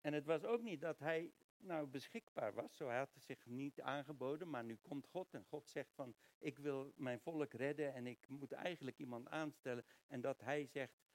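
A man's voice: medium pitch, normal speed, few pauses, no echo, low-quality recording. A man preaching a sermon, reading verses aloud and explaining them in a conversational way, often searching for words and restarting.

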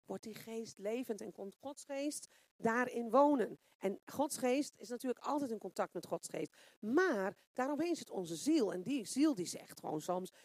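Conversational woman preacher, higher voice. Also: animated, normal speed, darkish tone, dry recording, studio quality. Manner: conversational, many rhetorical questions and fillers. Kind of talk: informal sermon.

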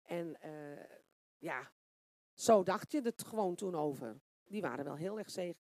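A woman's voice: on the low side, animated, a little slow, darkish tone, no room sound, clean studio sound. A woman preaching an informal sermon, asking the room rhetorical questions and searching for words with frequent fillers.

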